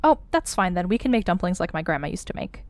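A man voicing a caring, practical young pregnant wife who talks in a quick, homely way. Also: sits high, big pitch swings, dry recording, voice pushed up.

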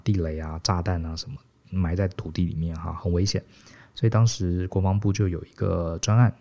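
A middle-aged man from Taiwan telling stories casually as a podcast co-host, animated and chuckling. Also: low-pitched. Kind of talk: casual storytelling. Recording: dull, muffled podcast audio.

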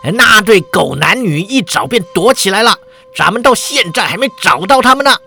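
A man voicing a brash villain who yells threats. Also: high-pitched, lively intonation, a little fast, creaky, husky, faint music behind, pitched above the performer's own voice, exaggerated voice. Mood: threatening. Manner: shouting, bullying.

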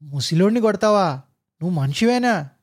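A man voicing a hot-tempered former soldier working as a jeep driver, shouting defiantly and threatening. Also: high voice, lively intonation, normal speed. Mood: outraged.

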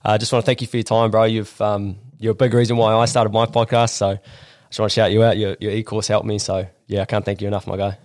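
A man's voice: lowish voice, level tone, fast talker, a little mellow, no echo, clean studio sound. A man with a broad Kiwi accent hosting a podcast interview in casual, laid-back slang. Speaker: podcast host.

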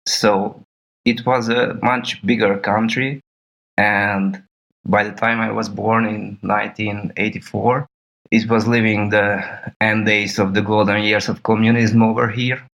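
A man in his thirties from Serbia speaks slowly and deliberately, telling his story as a podcast guest. His low voice has a gravelly edge, and he drops small laughs into his answers. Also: flat delivery, fairly bright tone, rough recording. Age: 30s. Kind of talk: podcast interview.

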